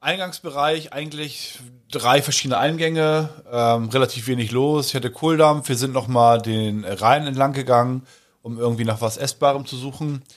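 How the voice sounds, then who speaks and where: A man co-hosting a podcast, telling a story in casual chat with loud exclamations. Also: medium pitch, normal speed. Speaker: podcast co-host.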